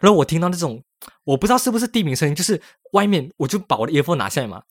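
A man telling a story in casual podcast chat. He is animated, often laughs, and drops English words into his talk. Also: fairly high pitch, rapid-fire, dry recording, studio quality. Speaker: podcast co-host.

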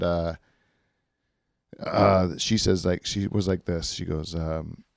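A man's voice: on the low side, vocal fry, a little mellow, dry recording, clean studio sound. A man hosting a podcast in casual chat, rambling and laughing as he tells stories. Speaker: podcast host.

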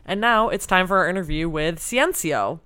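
Low-voiced woman podcast host. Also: animated, normal speed, pushed and bright, clear, resonant tone. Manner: chatty, laughs often. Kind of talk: podcast interview.

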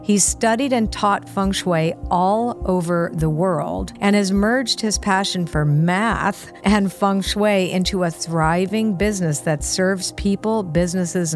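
Woman, podcast host, enthusiastic, emphatic, middle pitch, soft music underneath. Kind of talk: interview introduction and questions.

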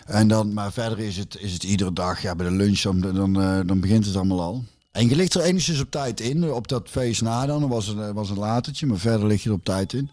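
A man's voice: on the low side, brisk, hardly any pauses, darkish tone. A man in casual chat, telling a long anecdote full of fillers, curses and his own laughter.

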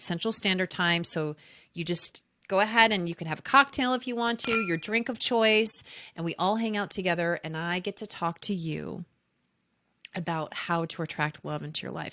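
A woman's voice: fairly low pitch, pushed and bright. A woman hosting a love coaching podcast, speaking intimately to her listeners in a gushing way and leaning on key words. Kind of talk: podcast intro and promotion, addressing listeners intimately.

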